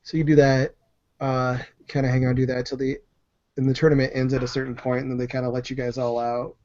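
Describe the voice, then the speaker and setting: A man runs a tabletop game, narrating at a middling pitch in a loose, rambling way, filling gaps with "uh" and "like". The recording is dull and lo-fi, with the top end muffled. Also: little pitch movement, fast, a little mellow, no room sound. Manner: rambling, loose, full of fillers and asides. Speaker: game master.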